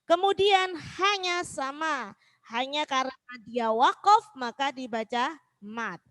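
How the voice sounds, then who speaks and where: A woman with a Javanese accent teaching Quran recitation step by step. She chants verse syllables slowly and drawn out, explains them in between, and asks listeners to repeat together. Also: high voice, fairly bright tone, no room sound.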